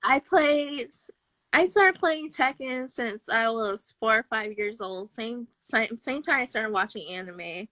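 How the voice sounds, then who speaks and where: A woman's voice: a little high, animated, takes it slowly, bright, forceful tone, no room sound. Chatty young woman, upbeat and rambling. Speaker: podcast guest, game developer. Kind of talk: casual chat on a live stream.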